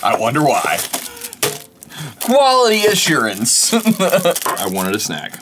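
A man's voice: fairly low pitch, wildly swooping pitch, slow, a bit bright, slight background noise. A man co-hosting a casual taste-test show, chatty and rambling, laughing often between remarks.

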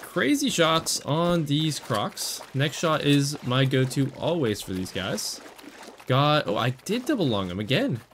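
Excitable man commenting on gameplay. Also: on the high side, slight background noise. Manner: excitable, talks to himself while aiming. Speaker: gaming channel host.

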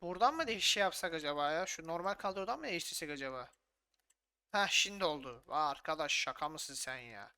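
A man narrates his football video game session and calls the match himself. His voice is bright and clean. He is excitable and swears freely, scolding his players and then announcing goals like a match commentator. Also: on the high side, quick pace, smooth. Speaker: gaming YouTuber. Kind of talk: casual gameplay commentary.

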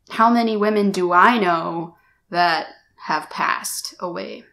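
Speaking in a lowish, slightly bright voice, a vlogger in her twenties from America rambles through a story to camera inside a small room. She's chatty and frequently corrects herself, recorded on a shotgun mic mounted on the camera.

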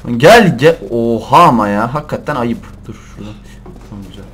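A young man commentating a survival game in Turkish, shouting and cursing at the animals and laughing often. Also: mid-range voice, a little fast, a little hiss or hum. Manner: excitable, swears and yells at the game, laughs often. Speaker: gameplay commentator. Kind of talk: let's play commentary.

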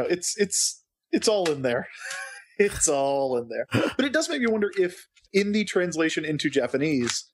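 A man co-hosting a podcast, chatting casually and digressively, often breaking into laughter. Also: mid-range voice. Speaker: podcast co-host. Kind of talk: casual chat.

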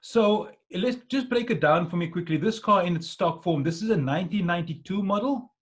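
A South African man hosts a casual podcast in a husky voice that sits a little high. He chats informally over a video call. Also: fairly quick. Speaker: podcast host. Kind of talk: casual interview chat. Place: dim indoor room, video call.

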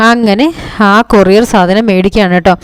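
A woman recaps a TV serial in a brisk, chatty storytelling manner. Her voice is crisp and clear, and she talks very quickly. The recording is dry and close, with no room sound. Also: medium pitch, fairly even intonation, no echo. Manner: brisk, conversational retelling.

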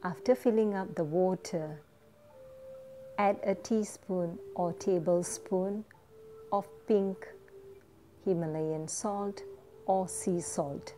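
Slow, mellow woman guiding a meditation. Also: lowish voice, a little hiss or hum. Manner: slow, gentle, step-by-step instructions. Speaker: meditation teacher. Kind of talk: calm instructional guided meditation.

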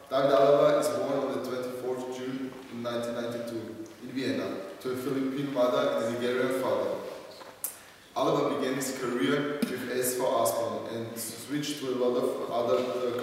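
A young man from Bosnia and Herzegovina reads his presentation in an even, level tone. His voice comes from far off in a long-echoing hall with faint noise. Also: medium pitch. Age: young adult. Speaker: student presenter. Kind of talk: reading a school presentation. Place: wood-panelled hall, indoors. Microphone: far camera.

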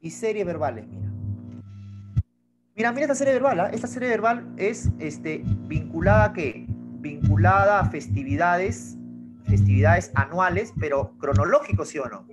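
Male teacher, online class, lively swinging pitch, patient explaining, keeps checking in, laptop mic. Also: normal speed, lo-fi sound, music in the background. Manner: patient, repeats checks like "¿sí o no?", coaxes students. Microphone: laptop microphone.

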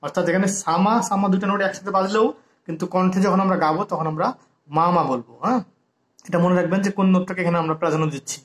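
A man's voice: high voice, steady tone, rapid-fire, a little hiss or hum. A man teaching harmonium step by step, patiently explaining the notation and singing note names as he plays. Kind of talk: step-by-step music lesson. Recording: echoey room with harmonium playing.

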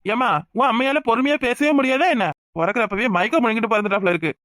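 Woman voicing a bossy mother-in-law, cutting and rattling off lines super fast, southern tamil nadu village accent. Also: fairly high pitch, a bit bright, no room sound, studio quality, close to an everyday voice.

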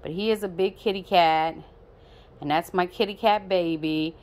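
A woman's voice: lowish voice, steady tone, normal speed, darkish tone. A woman casually vlogging her pet cat at home on a phone, playful and repetitive as she talks fondly to him.

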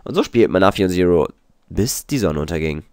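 A young man with a sore, hoarse throat, giving jokey gaming commentary full of wordplay. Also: sits low, brisk, no room sound. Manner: animated, jokey, slips into wordplay. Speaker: let's player.

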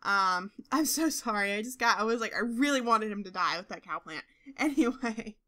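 Young adult woman, bright voice, casual chatty gameplay commentator who gets excitable. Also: mid-range voice, normal speed. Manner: chatty, talks to game characters, excitable outbursts. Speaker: gaming video host.

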